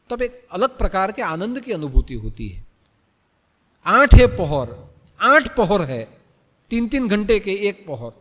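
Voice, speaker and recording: Man as spiritual teacher, sermon delivery, repeats lines, loud then hushed, higher lively voice, long hall reverb. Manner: repeats phrases, swings between loud urging and soft hush. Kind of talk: Hindi spiritual discourse.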